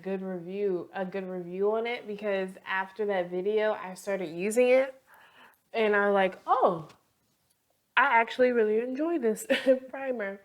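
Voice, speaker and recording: Woman, hoarse with a cold, beauty vlogger, chatty tutorial, rambling asides, mid pitch. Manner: talkative, rambling, playful asides.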